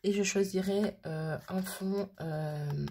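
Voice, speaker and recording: Woman, craft video host, casual chatter, lots of fillers, gravelly low voice, faint background noise. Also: slow, warm tone. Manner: chatty, thinks aloud with many fillers. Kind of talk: casual crafting tutorial chat.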